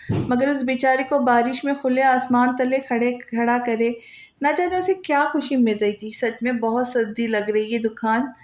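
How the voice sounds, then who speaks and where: A woman narrating a dramatic romance novel in a steady storytelling voice, in a roomy, dull lo-fi recording. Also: sits high.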